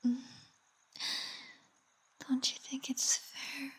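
A woman speaking in a teasing, taunting whisper for a roleplay audio, with soft hums and sighs between lines. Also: high voice, level tone, very slow. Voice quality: breathy. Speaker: voice actor.

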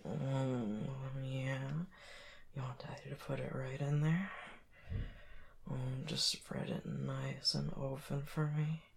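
A man performing an intimate audio roleplay, talking in soft whispers with drawn-out murmurs and sighs. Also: medium pitch, expressive, creaky.

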